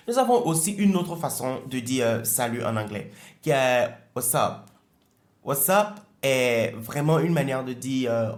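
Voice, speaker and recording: A man teaching a beginner language lesson, saying each word slowly and more than once so learners can copy it. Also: medium pitch, echoey room. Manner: slow, careful modelling of words with repetition. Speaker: English teacher.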